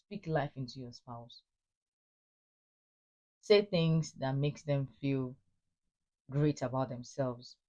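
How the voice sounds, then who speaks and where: A woman's voice: a bass voice, slow pace, long pauses, mellow, lo-fi sound. Earnest woman giving marriage advice. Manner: earnest, encouraging, repeats phrases for emphasis. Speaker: marriage advice channel host. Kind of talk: casual advice talk to wives.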